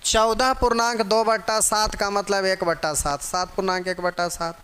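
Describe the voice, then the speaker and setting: High bright-voiced Hindi math teacher. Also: male voice, steady tone, normal speed, clear, resonant tone. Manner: drills fraction-percent pairs aloud, addresses students as "pyare". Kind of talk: exam-prep math lesson.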